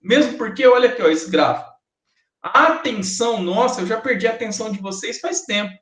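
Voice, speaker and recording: A man's voice: high-pitched, expressive, fairly quick, fairly bright tone. A man with a Brazilian Portuguese accent giving a university classroom lecture, chatty and joking with students. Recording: echoey classroom recording.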